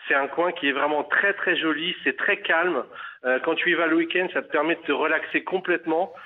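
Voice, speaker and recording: A man's voice: fairly high pitch, a little fast. A man from Paris calling in to a radio show, talking hesitantly with many fillers and restarts. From Paris, France. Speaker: caller. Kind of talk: phone interview. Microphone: telephone. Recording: tinny phone line.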